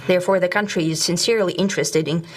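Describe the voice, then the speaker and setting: Woman doing a translation voice over, lowish voice, formal and measured, a bit hesitant. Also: steady tone. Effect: translation voice-over for a foreign leader. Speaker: interpreter. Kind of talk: interpreted speech.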